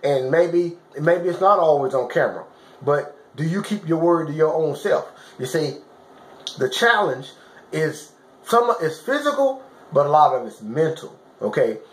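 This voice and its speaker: A man's voice: a little high, animated, unhurried. A man giving casual motivational fitness advice to camera in colloquial, informal phrasing, emphatic and repetitive, often checking that listeners understand. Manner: emphatic, repetitive coaching with frequent check-in questions. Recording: roomy, echoing sound.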